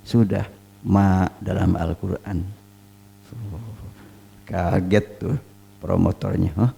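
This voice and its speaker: Slow, gravelly male Quran teacher. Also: lowish voice, dark tone. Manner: emphatic, asks and answers rhetorical questions; recites Arabic phrases slowly. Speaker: Islamic teacher. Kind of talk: Quran study lecture.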